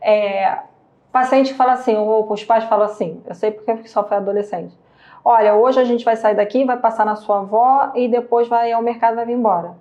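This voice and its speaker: A woman with a Brazilian Portuguese accent, a psychologist hosting a podcast, talking in a lively, casual way and acting out quotes with laughter. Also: fairly high pitch, moderate pace, dull audio. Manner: animated, acts out quotes with laughter. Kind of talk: casual conversational interview.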